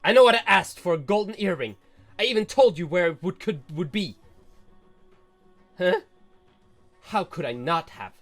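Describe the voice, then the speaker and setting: A man reading the lines of a proud, tragic snake-woman noble aloud in a measured, solemn way. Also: high voice, lively intonation, a bit bright, soft background music, exaggerated voice. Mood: haughty. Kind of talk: reading game dialogue aloud.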